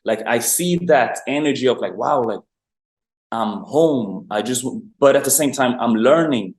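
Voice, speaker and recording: A young man from Sweden, guest on an online interview, talks in an easy, meandering way, full of fillers and quick laughs. His voice sits at an ordinary pitch. It carries a noticeable room echo around it. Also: animated. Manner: loose, rambling, upbeat, with many "like" fillers and laughs. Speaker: guest, online marketer for dancers. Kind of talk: casual interview chat. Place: remote call from abroad. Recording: roomy echo.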